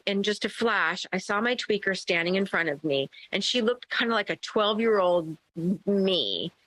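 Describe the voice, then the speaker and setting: A woman's voice: fairly low pitch, fairly bright tone, no room sound, low-quality recording. A woman co-hosting a podcast, telling a candid personal story in a rambling, self-deprecating way. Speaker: podcast co-host. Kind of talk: personal storytelling in casual chat.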